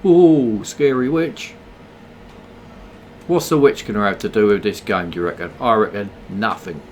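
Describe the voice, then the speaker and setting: A man's voice: lowish voice, lively intonation, fast, a little hiss or hum. A tired man, mocking the ads he watches during a late game stream. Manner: sarcastic, mocking. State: tired, yawning. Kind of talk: casual live-stream commentary on ads.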